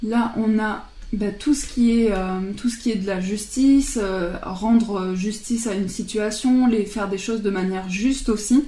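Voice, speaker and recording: In an echoey room, a woman presents oracle card decks in a relaxed, chatty way, translating card titles aloud with soft self-amused laughter. She has a medium-pitched voice and talks at a measured pace with few pauses.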